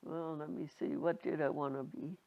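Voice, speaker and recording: A very old woman in her nineties reminiscing casually, halting and rambling, with a creaky aged voice. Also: sits low, fairly even intonation. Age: 90s. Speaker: interviewee. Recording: dull lo-fi home recording.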